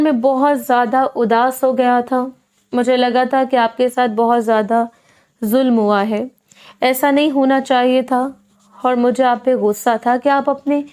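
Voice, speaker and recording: A gentle young man, read by a woman in an audiobook, sounding wounded and quiet. His lines are soft and plaintive. The pitch sits somewhat high. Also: lightly acted.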